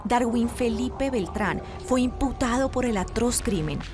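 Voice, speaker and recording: A woman with a Colombian accent giving measured, grave, scripted narration for an investigative news report. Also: fairly high pitch, lively intonation, over music.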